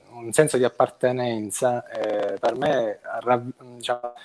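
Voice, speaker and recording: A middle-aged man with a Sicilian accent, explaining things in a halting, conversational way on a video call. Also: medium pitch, darkish tone. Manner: halting, searching for words. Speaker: guest on a live show. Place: room at home.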